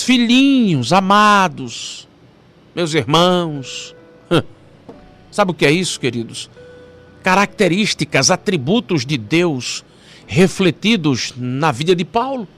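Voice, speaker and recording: A male pastor delivers a sermon. His preaching swings between forceful, climbing emphasis and hushed, stretched-out phrases. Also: high-pitched. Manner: dramatic preaching, rising to emphatic peaks and dropping to soft, slow phrases.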